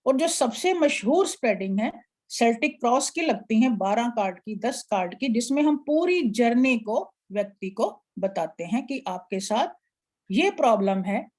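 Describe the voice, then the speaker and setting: Casting: woman tarot instructor, patient explanatory lecture, a touch high-pitched. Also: a little mellow. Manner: explanatory, instructive, asks an assistant to show slides. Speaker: tarot teacher. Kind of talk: live online class lecture.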